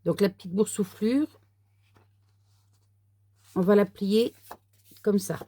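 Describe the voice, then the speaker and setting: A woman talking viewers through a paper craft kit in a relaxed, unhurried way, handling the pieces as she speaks. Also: mid-range voice, dry recording. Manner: soft, unhurried, talks while working with paper. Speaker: crafter demonstrating a card kit. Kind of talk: casual crafting tutorial.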